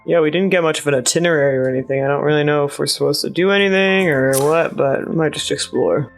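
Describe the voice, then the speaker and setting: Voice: medium pitch, fast talker, soft background music. Easygoing player at the game table. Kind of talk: tabletop game play, in character.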